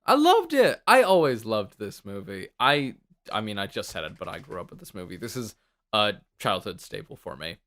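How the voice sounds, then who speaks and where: Lively, playful male co-host. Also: lowish voice. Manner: playful, quick to laugh. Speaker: podcast co-host. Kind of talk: casual comedic chat.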